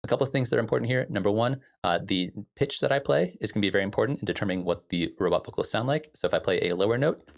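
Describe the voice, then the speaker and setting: Talking very fast with hardly any pauses, an expressive instructor with a fairly low, heavily fried voice guides viewers through music software. The tone is informal and explanatory, like a relaxed tutorial.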